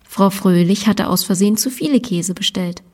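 A woman's voice: medium pitch, moderate pace, darkish tone. A woman library presenter retelling a children's story.

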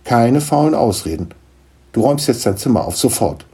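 A strict mother, as a male storyteller puts her on, lifted a little in pitch and snapping out short, scolding commands. The voice keeps a husky rasp and warm, dark tone. Storybook reading. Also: big pitch swings, normal speed. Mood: stern. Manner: clipped, scolding. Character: strict mother, stern and impatient.

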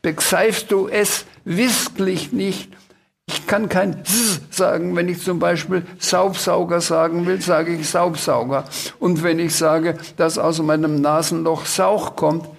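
A man voicing a small, earnest, fretful blue dragon who says S instead of R, in a slow, raised, plaintive way, for a children's storybook read live. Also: a little high, expressive, gravelly, voice pushed up, heavily acted. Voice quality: swaps S for R in every word.

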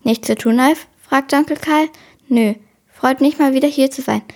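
A woman reading a children's novel aloud in short, even sentences. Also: sits high, moderate pace.

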